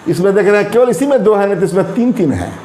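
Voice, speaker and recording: A man teaching grammar in Hindi, slowly repeating and spelling out each example word. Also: sits high, lively intonation, warm tone, soft background music. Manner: slow, repeats and spells out words, stretches examples. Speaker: English teacher. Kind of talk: grammar lesson. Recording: echoey room with faint ambient noise.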